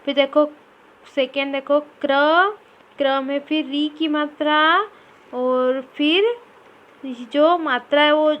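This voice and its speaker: A woman teaching a phonics lesson to young children, sounding out each word slowly and saying it twice. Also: high-pitched, fairly even intonation, highs cut off. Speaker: primary school teacher.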